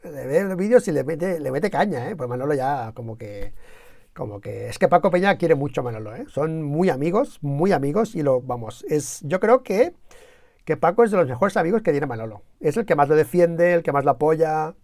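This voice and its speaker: A Spaniard talks loosely on his channel's live stream, rambling story to story and full of slang. His voice is gravelly, with some fry at mid pitch, and the sound is dry and close. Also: animated, moderate pace, no room sound. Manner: rambling, slangy, tells anecdotes with quoted shouting. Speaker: YouTube channel co-host. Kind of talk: casual live-stream chat.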